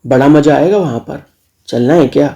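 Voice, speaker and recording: Man doing a gravelly teasing uncle. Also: on the high side, normal speed, dark tone, lo-fi sound. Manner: teasing, scolding. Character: teasing bossy middle-aged uncle.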